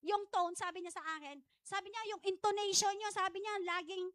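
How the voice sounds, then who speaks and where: A woman's voice: very high-pitched, steady tone, fairly quick, a bit bright, no room sound. A middle-aged woman pastor, preaching a conversational church sermon full of chatty asides. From Philippines. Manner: chatty, digressive preaching with frequent asides and self-laughter.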